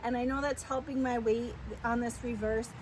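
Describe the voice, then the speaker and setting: Woman doing a chatty confessional vlog, kinda high voice, pep talky, noticeable rumbly noise behind her. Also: fairly even intonation, moderate pace. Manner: candid, chatty, self-encouraging pep talk. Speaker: vlogger, amateur physique competitor.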